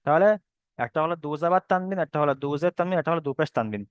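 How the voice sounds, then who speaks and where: A man's voice: on the high side, animated, racing, no room sound, dull audio. A man teaching a Quran reading lesson, patiently explaining and repeating, stretching sounds out when he demonstrates the letters.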